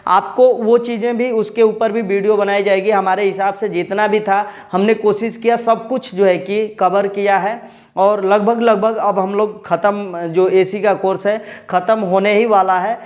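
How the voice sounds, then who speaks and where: A man's voice: sits high, steady tone, normal speed, muffled recording. Man teaching AC pipe welding. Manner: explanatory, speaks directly to students. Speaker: AC repair instructor. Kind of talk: tutorial lesson.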